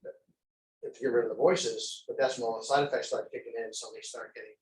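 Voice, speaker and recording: A man's voice: medium pitch, steady tone, fast talker. A man teaching a crisis intervention class in a conversational, rambling way with lots of fillers. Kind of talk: classroom lecture. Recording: echoey training room, distant mic, faint noise.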